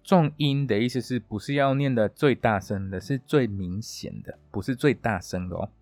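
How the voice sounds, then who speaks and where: A man hosting a podcast Spanish lesson, who repeats words slowly and clearly and talks with small fillers and restarts. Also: mid-range voice, a little mellow, no echo, soft background music. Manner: halting, with fillers and self-corrections. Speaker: Spanish teacher, podcast host.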